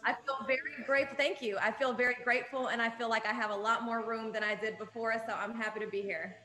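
A woman's voice: on the high side, steady tone, quick pace, bright, forceful tone, roomy sound, low-quality recording. A woman born in Jordan, an upbeat, talkative guest speaking over a video call. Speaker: music industry guest. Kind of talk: casual interview.

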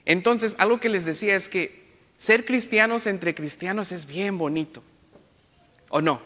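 High, bright-voiced priest with a playful homily. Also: male voice, unhurried. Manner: playful, jokey asides and self-corrections; imitates other people's accents. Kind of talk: Sunday homily. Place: church. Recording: long church reverb.

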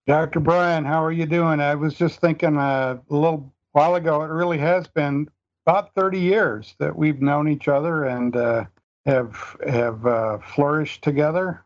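An older man chatting casually as a podcast guest, halting and repeating words as he thinks. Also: a little high, steady tone, muffled recording. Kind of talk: casual reminiscing chat.

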